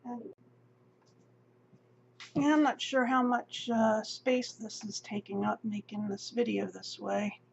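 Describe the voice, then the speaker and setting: A woman's voice: fairly high pitch, fairly even intonation, unhurried, vocal fry, long pauses. A middle-aged woman vlogging in a rambling, self-deprecating casual chat, often laughing. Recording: dull lo-fi audio with faint hum.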